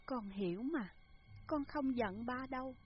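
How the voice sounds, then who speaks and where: A woman voicing a young village daughter who speaks gently and softly, in a slightly muffled recording with faint hiss. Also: fairly high pitch, a little slow, pitched above the performer's own voice, lightly acted. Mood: gentle. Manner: gentle, soft-spoken.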